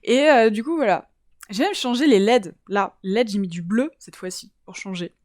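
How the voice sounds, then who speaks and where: A woman's voice: mid-range voice, fairly quick, a little mellow, no room sound, clean studio sound. A woman from around Toulouse hosting a casual science live-stream, chatty and giggly, greeting viewers in the chat.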